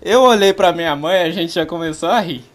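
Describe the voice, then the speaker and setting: A podcast co-host telling a funny story in an animated, casual way. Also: mid-range voice, a little fast, a little hiss or hum.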